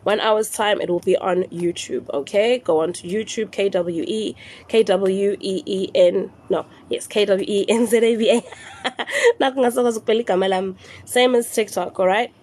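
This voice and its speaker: A woman's voice: medium pitch, darkish tone. South African woman hosting a live stream. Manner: mixes English with Zulu phrases, repeats instructions slowly. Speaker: spiritual live-stream host. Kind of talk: casual live-stream instruction. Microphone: phone.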